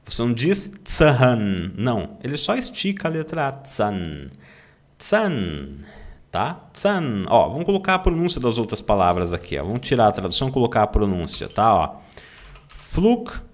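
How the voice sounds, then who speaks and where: A Brazilian man teaching German online, who draws out German words slowly to model the pronunciation and keeps asking "tá?" to check that students follow. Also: mid-range voice, very animated. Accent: Brazilian Portuguese. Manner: slow, drawn-out demonstration of German words, frequent "tá?" check-ins. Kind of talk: online language lesson.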